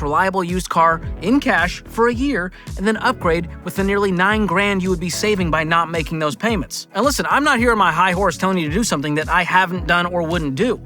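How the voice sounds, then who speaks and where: Casting: male host for comedic commentary, high and bright voice, sarcastic, punchy, joking delivery. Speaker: video host. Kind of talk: scripted comedic personal finance commentary.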